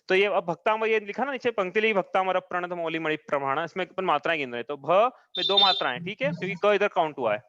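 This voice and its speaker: Over a video call, a man with a high voice and sharp tone teaches an online class. He patiently explains things step by step and often checks that his students are keeping up. The recording is dull and dry.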